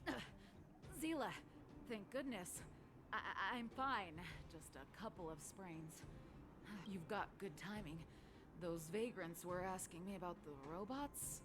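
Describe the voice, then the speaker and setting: A woman's voice: medium pitch, expressive, unhurried, background noise, natural voice. A woman voicing an injured female miner in a video game, earnest and a little stammering. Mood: worried. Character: injured female miner, shaken but steady. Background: game music.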